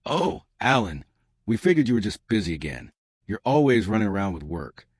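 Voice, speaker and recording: A man's voice: on the low side, big pitch swings, normal speed, husky, no echo. A man reading the lines of a breezy, condescending middle-aged mother in a narrated story. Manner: gentle, condescending.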